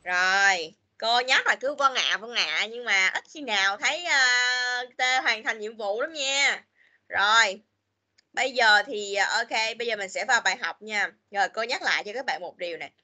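Bright-voiced woman teacher. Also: a little high, moderate pace. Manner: chatty, repeats "rồi", mixes English words into Vietnamese. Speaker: English teacher. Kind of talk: online class teaching children. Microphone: video call.

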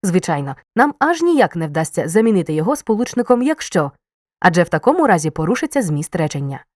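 A woman reading a scripted grammar lesson, explaining clearly and stressing key words. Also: fairly low pitch, very animated, fast talker, a little mellow, dry recording, studio quality. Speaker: teacher.

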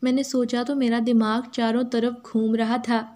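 A woman with an Urdu accent reading a first-person story as a steady, even narrator. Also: on the high side, moderate pace.

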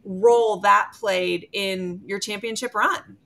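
Bright-voiced woman hosting an interview. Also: mid-range voice, steady tone, slow, gravelly. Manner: friendly, teasing questions. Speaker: host. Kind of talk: casual interview questions.

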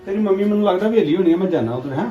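An actor playing a middle-aged father who gently coaxes and reassures his family. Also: high-pitched, lively intonation, rapid-fire, dull audio, soft background music. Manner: soft, coaxing, reassuring. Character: gentle father soothing his wife and daughter. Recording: echoey room, distant mic.

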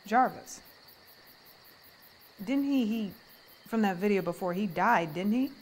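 A woman's voice: mid-range voice, expressive, a little slow. An actress playing a sarcastic, blunt, tough-talking woman who swears. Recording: background hiss and noise.

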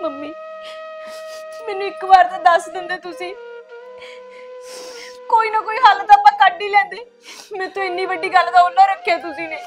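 A woman's voice: very high voice, fairly even intonation, a little fast, soft background music. A young woman playing the heartbroken wife of an addict, crying as she speaks. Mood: sobbing. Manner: sobbing, despairing complaints.

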